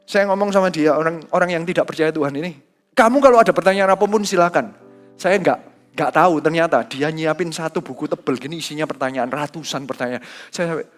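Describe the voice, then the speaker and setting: A male pastor from Indonesia giving a conversational sermon, acting out dialogues and dropping in English phrases. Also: on the high side. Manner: conversational preaching, mixing in English phrases, animated retelling of dialogue.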